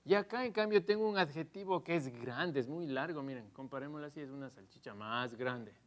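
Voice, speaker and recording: Fairly quick and somewhat high-pitched, a man explains English grammar in Spanish on a televised lesson, with a little hiss or hum audible. He goes step by step and punches out each English example loudly.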